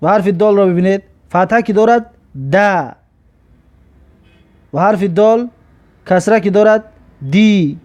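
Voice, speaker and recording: High-voiced Tajik man drilling letters. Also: a little mellow, lo-fi sound. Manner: patient, repetitive drilling, sounding out each letter slowly. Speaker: Arabic alphabet teacher. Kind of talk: recorded alphabet lesson.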